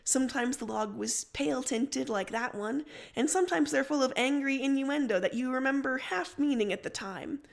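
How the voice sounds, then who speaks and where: This high-pitched, gravelly female voice moves at a normal speed and barely pauses. She's a livestream host who reads stories aloud and slips into casual chat along the way.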